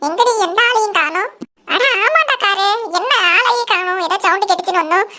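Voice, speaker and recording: A woman's voice: very high-pitched, expressive, brisk, bright, forceful tone, full character voice. A woman voicing mischievous young pranksters in a cartoon who giggle and scheme to scare someone. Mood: scheming.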